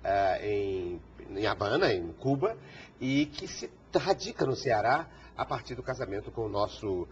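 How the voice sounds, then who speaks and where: Heard over dull TV audio with a faint hiss, a man with a fairly low, sing-song voice hosts an interview show at a measured pace. He introduces his guest and asks questions, though he rambles and stumbles on repeated words.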